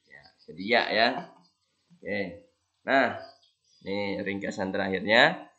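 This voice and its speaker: A man teaching Quran recitation, explaining each rule in casual asides and then chanting the verse slowly and drawn out. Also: fairly low pitch, bright, forceful tone, dull audio.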